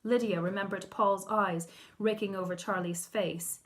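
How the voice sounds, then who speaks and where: Female author-narrator, audiobook reading, measured and expressive. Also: medium pitch. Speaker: author reading her novel.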